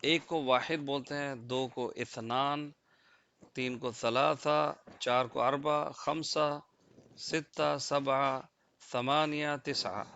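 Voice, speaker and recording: A man's voice: medium pitch, steady tone, creaky, pushed and bright, a little hiss or hum. A man with a Pakistani Urdu accent teaching a slide-based language lesson, counting through lists patiently and often asking listeners to confirm they follow. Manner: patient, repetitive counting with rhetorical checks. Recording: dull, lo-fi dry close mic.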